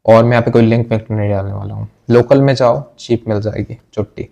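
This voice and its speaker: A man's voice: on the low side, steady tone, a little fast, creaky, warm tone. A young man who gives a blunt, preachy pep talk to camera, with crude slang and English phrases mixed in. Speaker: tech vlogger. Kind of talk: casual motivational talk to camera.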